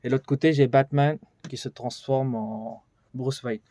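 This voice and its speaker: A man gives a relaxed tour of his collection for a vlog. He rambles and thinks out loud, with frequent fillers as he moves from shelf to shelf. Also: mid-range voice, a little slow, dry recording, clean studio sound. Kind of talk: casual room tour vlog. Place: indoors in a collection room.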